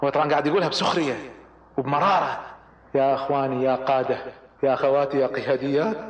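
A middle-aged man lectures on leadership at a quick clip. He speaks in a high voice and pushes his listeners with sudden emphatic rises. The recording is dull and echoey, as if made in a lecture hall. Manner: animated, exhorting the audience with sudden rises. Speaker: leadership trainer.

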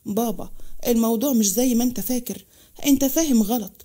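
A woman's voice: on the high side, fast, dark tone, natural voice. Woman voicing Eissa, a firm young husband. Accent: Egyptian.

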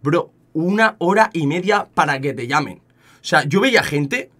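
A young man with an accent from Spain, telling a story casually to his chat, animated and often repeating words. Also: a little high, measured pace. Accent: Spain Spanish. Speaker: streamer.

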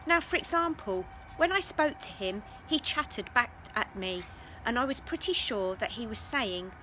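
A woman reading a children's story aloud in a gentle, expressive way. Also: a little high, moderate pace, slight background noise, low-quality recording.

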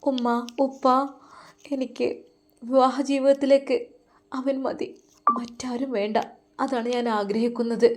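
A woman voicing a lovesick young woman who pleads with her parents, her voice raised and soft. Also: level tone, unhurried, pauses often, close to an everyday voice. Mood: stubborn. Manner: pleading, higher and softer.

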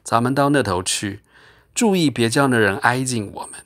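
A man's voice: medium pitch, lively intonation, normal speed, a bit bright. A man voicing a harsh, thrifty middle-aged mother who scolds sharply in an audiobook reading. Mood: angry.

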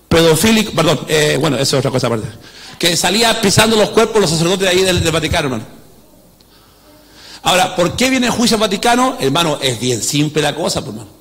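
A man's voice: sits high, sharp tone. A man preaching as a pastor, emphatic, often asking the congregation if they follow. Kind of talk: animated preaching. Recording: long hall reverb.

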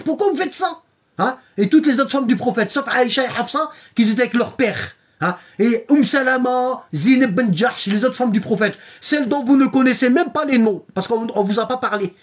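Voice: medium pitch, slightly rough. A religious teacher giving a live-streamed lecture, repeating points emphatically, checking in with the audience, and reading passages aloud from a book. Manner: repetitive and emphatic, with constant "hein?" checks; reads and shows passages from a book.

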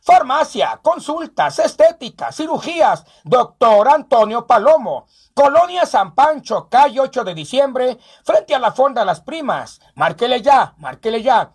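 A man's voice: very high-pitched, very animated, measured pace, hardly any pauses, slightly rough. A man with a Mexican Spanish accent, hosting a comic local show as a clown, joking and reading out ads and phone numbers. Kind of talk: comic radio-style show with ads and news.

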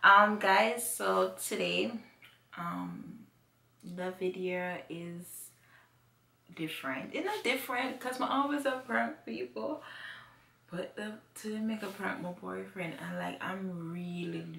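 A woman's voice: mid-range voice, takes it slowly, gravelly, bright, forceful tone. A woman with a Jamaican accent chatting casually to her vlog audience, rambling and repeating herself. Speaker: vlogger. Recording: echoey room.

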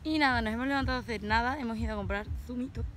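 A woman's voice: fairly high pitch, racing, fairly bright tone, a little hiss or hum. A young woman with an accent from Spain chatting casually and informally to camera in a vlog, using plenty of slang. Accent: Spanish from Spain. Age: young adult. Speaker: vlogger. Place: car and outdoor festival campsite. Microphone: phone or camera at arm's length.

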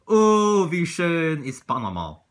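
A man's voice: fairly high pitch, huge pitch swings, slow pace, voice pushed up, exaggerated voice. A man voicing a modest, dreamy hare in a read-aloud children's story, speaking in an earnest, wistful way.

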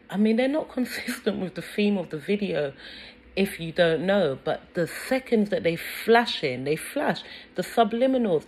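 Earnest British commentator, mid-pitched. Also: slight background noise, low-quality recording. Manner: earnest, insistent, frequent ums and repeated words. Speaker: video commentator. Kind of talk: conspiracy commentary over a music video.

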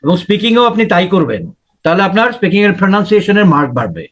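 A man with a Bangladeshi accent teaching an English listening class, drilling words by saying them slowly again and again. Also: high voice, very animated. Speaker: IELTS teacher. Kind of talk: classroom lesson.

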